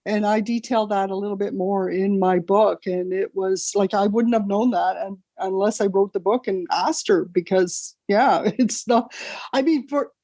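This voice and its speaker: A woman's voice: mid-range voice, warm tone, no room sound. Earnest middle-aged woman, dry sound. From Canada. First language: Italian. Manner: earnest, rushed retelling with many restarts. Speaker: guest, author. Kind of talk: interview over a call.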